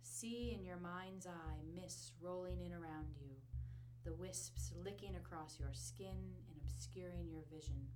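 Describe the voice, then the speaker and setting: Low-voiced woman guiding a meditation. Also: noisy background. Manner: soft, slow, soothing. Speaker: meditation guide. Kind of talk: guided meditation narration.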